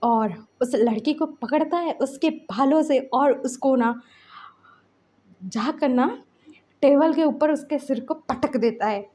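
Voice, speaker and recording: High-voiced chatty woman storyteller. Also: mellow. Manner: chatty, loose fillers. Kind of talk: casual fan-fiction storytelling.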